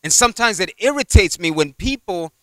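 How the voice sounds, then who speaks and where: Bright, clear-voiced man preaching casually. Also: high-pitched, expressive, fairly quick, no echo. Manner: rambling, full of "you know" and retold exchanges. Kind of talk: conversational sermon.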